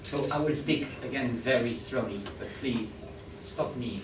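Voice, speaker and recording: Speaking a little slowly in a mid-range voice, a French-accented man presents a talk in a large conference hall, animated and often checking whether the audience follows and agrees. The recording picks him up from a distance with roomy hall sound and background noise.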